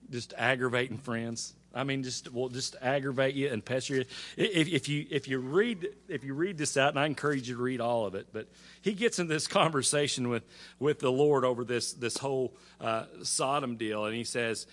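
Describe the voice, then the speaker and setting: A pastor preaching a sermon, stumbling over repeated words and climbing to fervent emphasis. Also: male voice, medium pitch, moderate pace, a bit bright.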